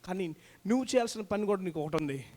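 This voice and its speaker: A man from India preaching a fervent sermon in a church, swinging between shouts and low, intense passages and repeating his phrases. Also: expressive, fast talker, in a large hall.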